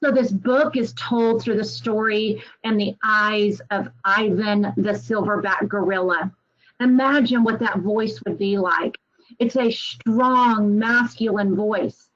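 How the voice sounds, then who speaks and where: A woman's voice: mid-range voice, slow. A woman who is an education executive, giving an earnest, emphatic presentation to volunteers. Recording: dull lo-fi recording.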